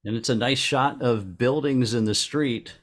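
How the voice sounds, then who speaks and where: A man presenting club entries and giving halting photo critiques with many restarts. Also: medium pitch.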